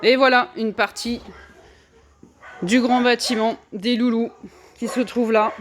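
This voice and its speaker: Shelter worker walking round the kennels, lots of "euh", dogs barking loud in the background. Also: steady tone, unhurried, a little hiss or hum. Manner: hesitant, many filler sounds; high coaxing baby talk to the dogs. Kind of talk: casual guided tour. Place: outdoor dog shelter with kennels.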